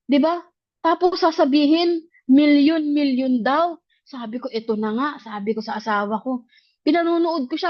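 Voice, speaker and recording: In a dry recording with the highs cut off, a high-voiced woman from a provincial upbringing gives a casual personal testimony. She tells her story animatedly, performing the quoted dialogue.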